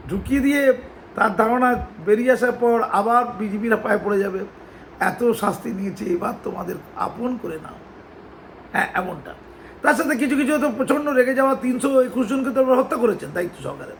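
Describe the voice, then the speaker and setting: Sarcastic high-voiced man, gravelly. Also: a little hiss or hum, low-quality recording. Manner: mocking, sarcastic. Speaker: political commentator. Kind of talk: monologue commentary.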